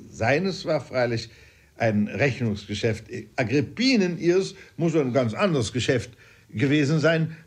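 Husky male audiobook narrator. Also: medium pitch. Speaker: audiobook reader. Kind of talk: literary narration.

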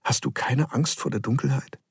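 A man's voice: medium pitch, moderate pace, gravelly, breathy edge, no room sound, clean studio sound, pitched above the performer's own voice. A man voicing a shy, curious young boy in a storybook, asking hesitant questions.

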